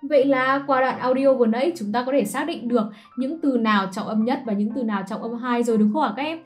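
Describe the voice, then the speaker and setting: A woman teacher explaining a lesson patiently and clearly, often checking in with questions to her students. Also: a little high, quick pace, faint music behind. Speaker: English teacher.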